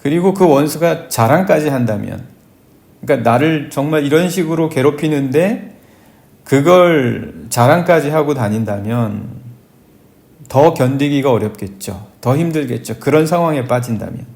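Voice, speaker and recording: A man, a pastor, giving an early morning prayer sermon in a calm, conversational way, often affirming himself with a soft "yes". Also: medium pitch, moderate pace, gravelly. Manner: reads scripture aloud and acts out plaintive prayers.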